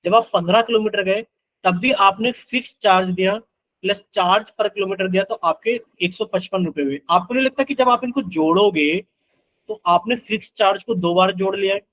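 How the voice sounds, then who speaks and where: Over what sounds like a video call, a man teaches math live online, stepping through the problem and repeatedly checking whether the students follow. His high, slightly bright voice moves at normal speed, and the recording quality is low.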